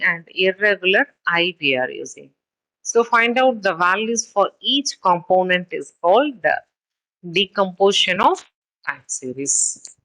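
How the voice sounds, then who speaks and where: A woman's voice: fairly low pitch, bright, forceful tone, rough recording. A woman giving a recorded statistics lecture, reading from a text and then explaining it in her own words, with frequent fillers and restarts. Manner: halting, with many fillers and restarts.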